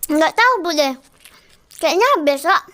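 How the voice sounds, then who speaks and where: Woman voicing very high cheeky bickering sisters. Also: lively intonation, slow pace, bright, forceful tone, heavily acted. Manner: blunt, teasing, bickering. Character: squabbling young sisters, cheeky and brash. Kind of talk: animated game story voice acting.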